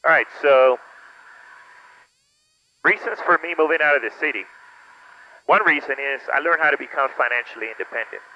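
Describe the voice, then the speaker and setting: A man talks casually through a pilot cockpit headset, the audio dull and muffled. Faint engine hum sits under his voice. He rambles, with many "uh" fillers, at a middling pitch. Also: moderate pace, pauses often. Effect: pilot cockpit headset intercom. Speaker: pilot and vlog host. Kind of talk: casual vlog talk while flying. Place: small plane cockpit in flight. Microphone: aviation headset boom mic.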